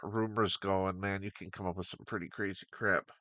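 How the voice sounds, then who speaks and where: A young man hosting a casual gaming livestream, rambling and commenting on his own fast talking. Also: deep voice, little pitch movement, pushed and bright, no echo. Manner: rambling, self-aware about talking fast. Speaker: streamer host.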